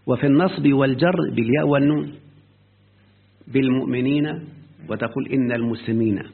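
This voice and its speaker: A gravelly, husky, mid-range male voice with an Egyptian Arabic accent gives a grammar lesson. He often stops to quiz his student and draws out his quoting, and the sound is tinny and lo-fi like a phone line.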